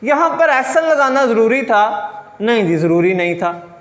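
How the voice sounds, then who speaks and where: A man's voice: very high-pitched, sing-song, in a large hall. A man giving a grammar lecture, explaining step by step and asking questions that he answers himself. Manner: reads English example sentences slowly and deliberately. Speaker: English grammar teacher.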